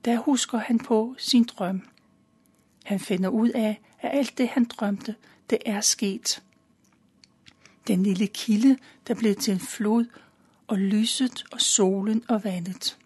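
Here a calm woman narrates a Bible story plainly, keeping her rhythm steady. Her mid-range voice has a husky, breathy quality, and small fillers appear now and then.

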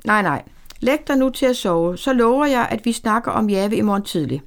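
A woman voicing an anxious old grandfather who speaks softly and prays in a hushed, pleading way. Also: on the high side, expressive. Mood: gentle. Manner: soft, hushed pleading prayer.

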